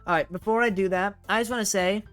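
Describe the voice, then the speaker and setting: A man with a high-pitched, steady, fairly bright voice that is clear and resonant reads visual novel text fast, with faint music in the background. In this let's play he chats casually between lines, often self-corrects mid-sentence, and laughs at himself.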